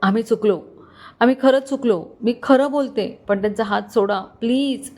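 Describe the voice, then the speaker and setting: A woman voicing a frightened young wife who begs tearfully, her voice rising high. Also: little pitch movement, very slow. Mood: pleading. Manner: begging, panicked, tearful.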